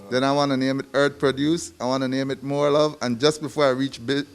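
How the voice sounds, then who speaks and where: A man who owns a shop, telling stories in a relaxed way during an interview. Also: mid-range voice, fairly quick, clean tone. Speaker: shop owner. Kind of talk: casual interview answers.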